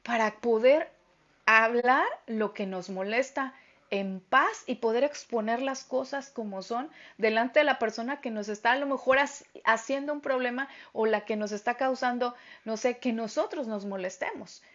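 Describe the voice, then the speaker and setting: A middle-aged woman teaching a Bible lesson to a women's group, speaking loudly and emphatically. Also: fairly high pitch, normal speed, lo-fi sound. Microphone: phone.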